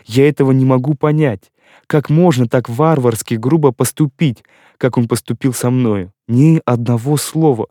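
A man's voice: medium pitch, moderate pace, mellow, no echo, studio quality, natural voice. A man reading an audiobook voices a heartbroken young girl who pleads and protests through tears. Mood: distraught pleading. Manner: distraught, breathless pleading.

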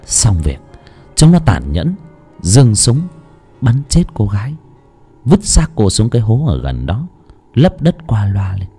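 A man's voice: fairly low pitch, wildly swooping pitch, measured pace, long pauses, mellow, breathy edge, soft background music. A man narrating an audiobook expressively. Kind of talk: storytelling narration.

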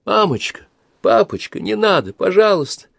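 A man's voice: high voice, sing-song, slow, creaky, no room sound, studio quality, pitched above the performer's own voice, heavily acted. A man reading aloud and voicing a spoiled six-year-old girl with a whiny, pleading voice.

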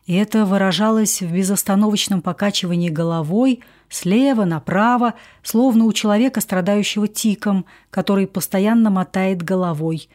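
Woman with a mellow, dark voice. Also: mid-range voice. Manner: measured, subdued. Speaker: audiobook reader. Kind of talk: first-person memoir narration.

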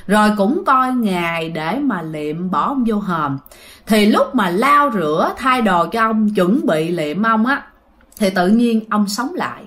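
A woman's voice: medium pitch, expressive, a little slow, fairly bright tone. A woman narrating a ghost story in a chatty way, often addressing her listeners directly.

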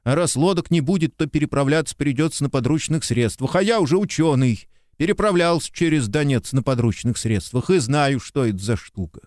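A man's voice: on the high side, fairly quick, a little mellow, no room sound, clean studio sound, natural voice. A man reading a chatty, timid young soldier. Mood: plaintive. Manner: rambling storyteller, apologetic and plaintive. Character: chatty timid male soldier, talkative and guilty. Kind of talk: audiobook character reading.

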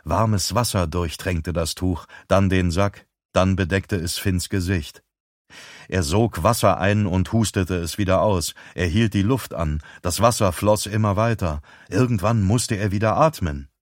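Man, audiobook narrator, low voice, dry close sound, tense measured storytelling. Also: dry recording.

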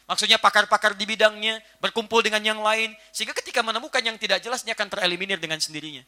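A man giving a religious lecture to a live audience, animated and playful, acting out little household scenes. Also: sits high. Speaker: preacher.

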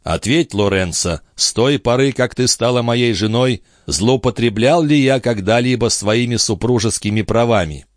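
A man reading an audiobook, voicing a calm, ironic aristocratic count in measured speech. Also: mid-range voice, dry recording, clean studio sound, pitched above the performer's own voice, close to an everyday voice. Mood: composed.

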